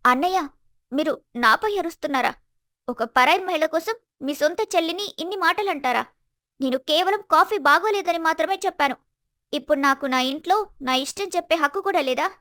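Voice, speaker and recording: A woman voicing a spoiled, haughty young college woman who whines and scolds, in an animated story. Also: brisk, no echo, studio quality. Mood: whiny. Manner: whiny, shrill, haughty.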